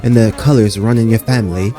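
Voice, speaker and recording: A man's voice: on the low side, steady tone, fast talker, dark tone, pitched above the performer's own voice, close to an everyday voice. A man voicing a flirty male farmer who sweet-talks his wife in an easygoing, complimentary way.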